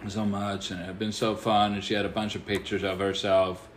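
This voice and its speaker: Man, podcast co-host, joking banter, lowish voice, faint background noise. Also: little pitch movement. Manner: joking banter, quick one-liners. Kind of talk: casual chat.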